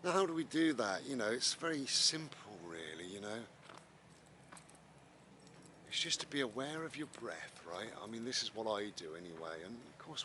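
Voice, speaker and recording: Male, fairly deep, unhurried and repetitive, casual walking meditation, noisy open-air sound. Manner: unhurried, musing, repeating phrases. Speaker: vlogger guiding mindfulness and breathing. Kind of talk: casual spoken meditation while walking outdoors. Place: outdoors, walking in the countryside. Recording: noisy outdoor walking recording.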